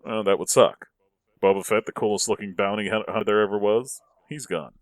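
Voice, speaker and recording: Low-voiced man in casual podcast chat. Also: fairly even intonation, brisk, no room sound. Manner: earnest, builds arguments, frequent restarts. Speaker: podcast host.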